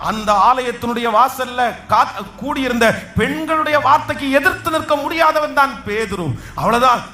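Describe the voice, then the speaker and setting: A male pastor with a Tamil accent preaches with fervor, his voice pitched very high and ringing. He stretches words and raises his voice at the peaks. The sound carries the echo of a church hall. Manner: passionate preaching, shouting and slowing for emphasis. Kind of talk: sermon.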